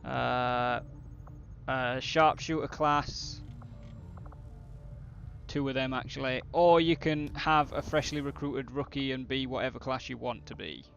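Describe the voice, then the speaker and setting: A man's voice: medium pitch, unhurried, vocal fry, a bit bright, highs cut off, soft background music. A British man doing casual, blokey, sweary game commentary as a streamer chatting with viewers. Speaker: gaming streamer.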